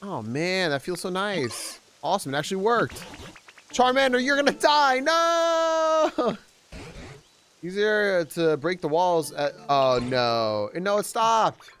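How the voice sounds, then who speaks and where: Lively excitable male game streamer. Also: a little high, slow, slight background noise. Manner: excitable, chats with viewers, talks to characters. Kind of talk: casual live game commentary.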